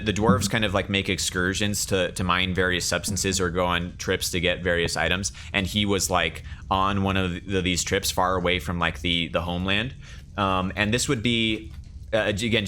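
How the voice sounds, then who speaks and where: A man with a low, bright-edged voice runs a tabletop game. He narrates casually and haltingly, repeating himself as he improvises, with light room noise behind him. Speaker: game master.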